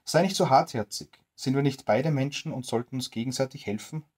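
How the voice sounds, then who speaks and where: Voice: mid-range voice, a little fast, darkish tone, natural voice. A reader voicing a cheerful, cunning male tramp in a bedtime storybook tale, in a friendly, coaxing way.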